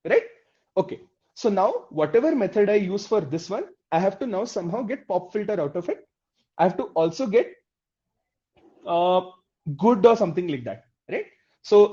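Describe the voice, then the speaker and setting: An instructor with a mid-range, dark-toned voice teaches a live online coding class step by step, addressing the class directly with questions and often checking in with "okay?" and "right?". The audio is dull, muffled and lo-fi.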